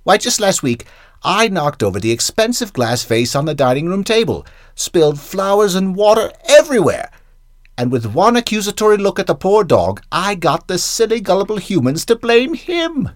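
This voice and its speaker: A man's voice: sits high, big pitch swings, normal speed, dry recording, studio quality. A man voicing a smug, scheming male house cat who lectures a kitten in a sly, theatrical way. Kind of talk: comic monologue reading.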